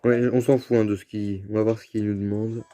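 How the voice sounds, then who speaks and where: Man, mellow tone, casual gameplay commentary, slangy grumbling, faint music behind. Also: on the low side, level tone, brisk. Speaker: video game let's player. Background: faint game music.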